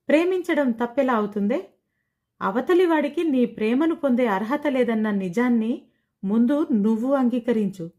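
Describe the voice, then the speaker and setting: Woman reading as a bold, scolding young friend. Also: high voice. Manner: scolding, forceful, encouraging.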